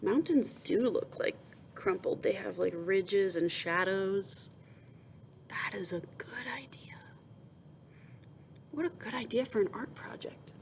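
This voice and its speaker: A woman with a mid-range voice acts as a teacher reading a picture book to young listeners. Her storytelling is expressive, punctuated by questions she answers quietly and by small asides, over slight background noise.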